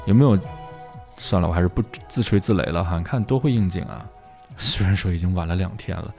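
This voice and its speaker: Deep-voiced male teacher, casual lesson; chatty, self-correcting, faint music underneath. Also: quick pace, creaky, darkish tone. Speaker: English teacher. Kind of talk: casual online English lesson.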